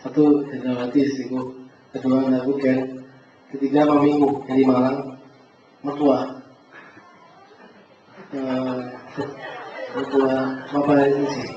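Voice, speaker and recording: A man volunteering from the congregation, answering aloud in front of the group in a slow, flat listing manner. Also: mid-range voice. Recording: echoey hall from far off, dull sound, faint noise.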